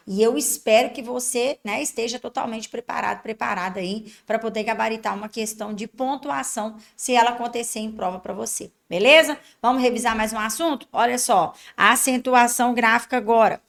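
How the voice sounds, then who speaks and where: A woman's voice: a little high, gravelly, a bit bright. A Brazilian woman teaching Portuguese for an exam, explaining patiently and checking in with her students as she goes. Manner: acts out a student's thoughts. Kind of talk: exam-prep lesson.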